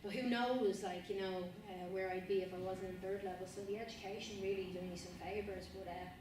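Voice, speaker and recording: A woman's voice: mid-range voice, steady tone, brisk. Woman chatting in an echoey room. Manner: conversational, frequent fillers. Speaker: guest speaker. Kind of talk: casual talk to a student group. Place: university room. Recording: echoey room, distant mic, background noise.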